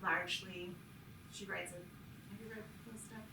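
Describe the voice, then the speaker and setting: A woman panelist speaks thoughtfully, pausing with frequent fillers. She is heard from a distance in an echoey room, with clear background ambience. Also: on the low side, steady tone. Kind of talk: panel discussion. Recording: echoey room, far from mic, noise.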